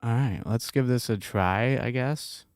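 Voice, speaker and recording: A man's voice: mid-range voice, a little slow, no echo, clean studio sound. A man hosting a stream, making offhand, casual comments as he plays recordings. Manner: offhand, mumbling asides.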